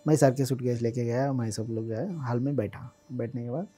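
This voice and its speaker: Male interview guest, mellow tone, chatty anecdotal delivery, light English mixing. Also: medium pitch, a little fast, husky, soft background music. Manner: chatty, mixes English words, laughs while recalling. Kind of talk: casual personal storytelling.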